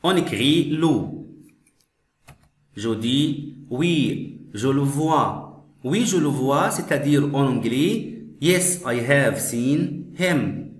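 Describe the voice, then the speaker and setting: A man teaching French, explaining slowly and patiently, repeating each phrase and glossing it in English. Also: mid-range voice, animated. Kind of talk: slow classroom explanation. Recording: echoey room.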